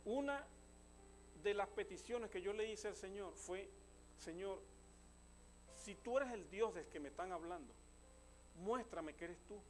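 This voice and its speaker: Earnest high-voiced preacher man. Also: animated, measured pace, long pauses, a little hiss or hum. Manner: earnest, addresses listeners as beloved brother. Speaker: church brother giving a testimony. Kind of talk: sermon testimony.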